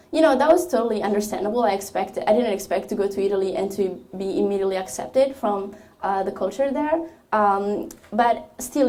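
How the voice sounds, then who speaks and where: A woman's voice: medium pitch, dark tone. A young woman from Ethiopia giving a personal testimony talk at a college event, speaking hesitantly with many fillers and restarts. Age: young adult. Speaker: student speaker.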